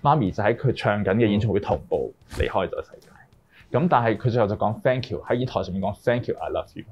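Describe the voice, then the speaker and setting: A man with a Hong Kong accent and a lowish, husky voice talks fast, explaining his work as a music video director and mixing in English words. The group interview takes place in a small indoor room with dull audio, and he speaks through a face mask.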